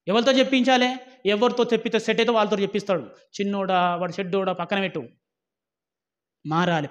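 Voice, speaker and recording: A man with a high voice delivers an emphatic sermon. He scolds his listeners and keeps firing rhetorical questions at them. He swings from loud exhortation down to low, quiet warnings. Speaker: preacher.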